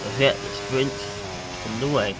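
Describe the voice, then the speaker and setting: Loud music sits behind the voice of a young gaming YouTuber who chats casually, excitably and at a measured pace while commentating his racing game. His voice is medium-pitched and nasal from hay fever, in a noisy home recording.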